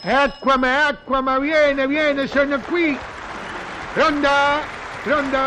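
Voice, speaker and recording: A man's voice: extremely high pitch, flat delivery, slow, a crowd in the background, background noise. A man playing a naive, bumbling male servant who stammers and mangles words, in a vintage television comedy sketch. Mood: eager. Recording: dull lo-fi old TV audio.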